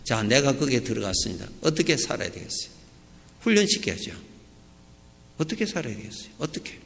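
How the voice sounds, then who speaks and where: A man preaching a sermon as a pastor, lively and emphatic, with loud peaks and quiet asides. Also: mid-range voice, brisk, gravelly. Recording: reverberant church hall.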